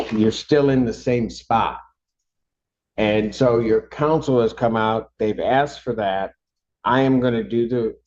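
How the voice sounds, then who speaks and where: A man presiding as judge, captured on a courtroom recording, firm and quick to cut in with "hold on.". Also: on the low side, a little mellow. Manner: firm, interrupts with repeated "hold on". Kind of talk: presiding over court hearings. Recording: dull courtroom audio recording.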